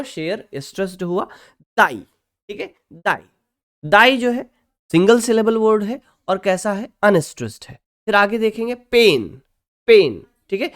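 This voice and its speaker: A teacher giving an online lecture who keeps stopping for short check-ins and reads out English terms slowly, syllable by syllable. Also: medium pitch. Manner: checks in often with short confirming asides.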